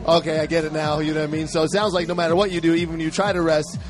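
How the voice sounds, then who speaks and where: Quick chatty host guy, slightly high voice, music under it. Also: level tone. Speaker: podcast host. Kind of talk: casual interview talk.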